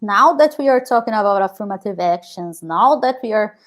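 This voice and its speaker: With a medium-pitched, expressive, brisk voice, a Brazilian activist and scholar in her thirties tells her personal story as an interview guest. She has a Brazilian Portuguese accent and comes across as earnest and reflective, saying "like" frequently.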